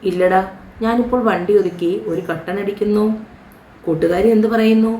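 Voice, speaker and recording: A man's voice: sits high, fairly even intonation, moderate pace, darkish tone, a little hiss or hum. Woman reading as a doting young man. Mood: tender, coaxing. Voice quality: coaxing, affectionate. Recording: roomy home recording.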